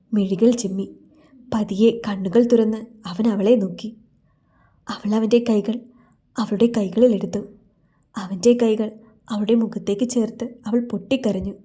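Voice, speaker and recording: A woman narrating a romantic story aloud as a storyteller, reading gently and steadily. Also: mid-range voice, slightly rough. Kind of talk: scripted narration.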